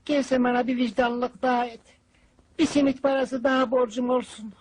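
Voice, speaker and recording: An actor playing a naive, easily fooled young goalkeeper in a 1970s film comedy, speaking meekly with bewildered mumbles. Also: male voice, very high voice, flat delivery, moderate pace, slightly rough. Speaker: hired goalkeeper. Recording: noisy old film soundtrack with crowd.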